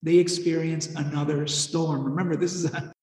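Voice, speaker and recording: A man's voice: a little high, level tone, normal speed, a little mellow. A man teaching a Bible lesson in a conversational way, often asking listeners questions and retelling the story with energy. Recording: echoey hall.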